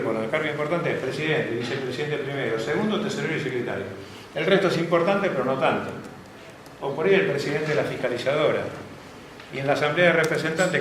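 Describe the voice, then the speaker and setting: In a very echoey classroom with faint noise behind him, a man gives an open class as a guest lecturer. His voice is a little high and fairly bright, carrying an Argentine Spanish accent, and he mixes anecdotes with questions asking listeners to confirm they follow.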